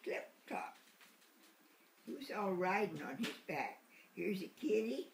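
An elderly great-grandmother in her eighties reads a picture book aloud to a baby, her medium-pitched voice very animated, slow, and touched with vocal fry. She playfully repeats words and adds asides from the living room sofa. A handheld camera a short way off captures a roomy home recording with background noise.

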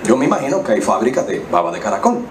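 A Dominican man doing live stand-up comedy on a small theater stage with a handheld mic, animated and slangy, slipping into voices. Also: mid-range voice, fast talker, distant mic. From Dominican Republic. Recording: echoey hall, mic heard from afar, loud noise.

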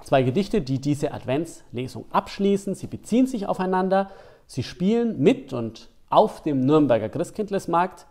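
A man, an author, reading his own stories and poems aloud in an expressive, storytelling manner. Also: fairly high pitch, normal speed. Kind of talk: literary reading.

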